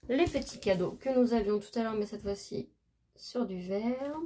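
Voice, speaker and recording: A woman's voice: on the high side, normal speed, noisy background. A woman vlogger chatting casually as she shows off craft paper, gushing and hesitating often. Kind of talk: casual show-and-tell chat.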